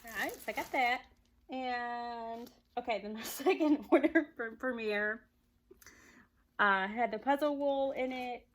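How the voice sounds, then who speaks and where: A woman's voice: fairly high pitch, takes it slowly, rough recording. A chatty woman with a Southern accent, rambling cheerfully through a casual yarn vlog and laughing often. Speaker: yarn vlogger. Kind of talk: casual chat.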